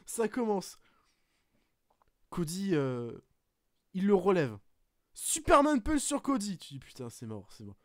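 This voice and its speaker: A man hosting a podcast, swearing often as he retells a wrestling match in an animated play-by-play. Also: high-pitched, a little slow, pauses often, dry recording, clean studio sound. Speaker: podcast host. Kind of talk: casual podcast chat, excited match recap.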